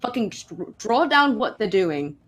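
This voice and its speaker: A woman's voice: medium pitch, very animated, normal speed, a bit bright, soft background music. A woman playing a tabletop game, chatting casually.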